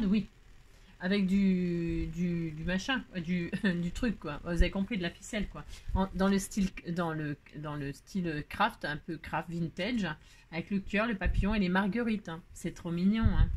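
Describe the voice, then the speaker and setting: A woman's voice: on the low side, normal speed, darkish tone, slight background noise. A woman hosting a crafting channel, chatting casually and exclaiming with delight as she opens mail, with many fillers, and talking to the items she unpacks. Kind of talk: casual chat while opening mail.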